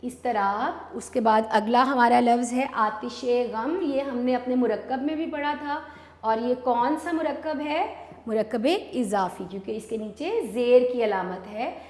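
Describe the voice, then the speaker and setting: A woman's voice: on the high side, darkish tone. A woman teacher from Pakistan giving a recorded online lesson, patiently explaining step by step and asking and answering her own questions. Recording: echoey room with long reverb.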